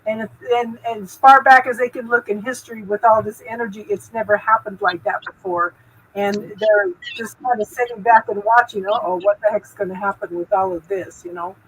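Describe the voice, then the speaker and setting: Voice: medium pitch, fairly even intonation, normal speed, a bit bright, husky, poor audio. A speaker in a casual group chat, talking earnestly in short rhythmic phrases. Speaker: chat participant.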